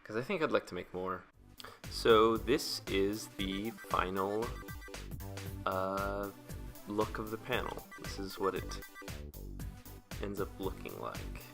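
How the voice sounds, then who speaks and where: A man with a low voice that frays into gravelly vocal fry as his phrases end. He rambles casually through a speedpaint voice-over, thinking aloud in a hesitant, self-deprecating way. Faint music plays behind him. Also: very animated, slow. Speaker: webcomic artist and video creator.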